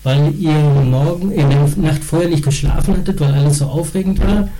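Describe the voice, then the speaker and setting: A middle-aged father co-hosting a casual family podcast, chatty and relaxed, with fillers between his thoughts. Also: a little high, moderate pace, a little hiss or hum, low-quality recording. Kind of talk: casual chat.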